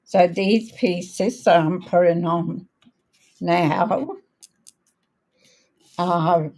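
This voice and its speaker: A woman's voice: lowish voice, darkish tone. A woman hosting a live card-making demonstration, chatting as she works, her voice a little crackly. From outside America. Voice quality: slightly crackly voice. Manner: chatty, unhurried, talks while working. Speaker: crafting host.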